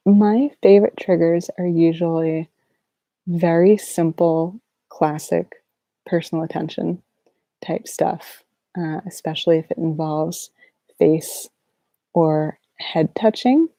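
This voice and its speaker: A sleep-deprived woman chatting softly and casually as an ASMR livestream host, in a halting, low-energy, rambling way. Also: fairly even intonation, vocal fry, dry recording, rough recording. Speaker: ASMR artist hosting a livestream Q&A.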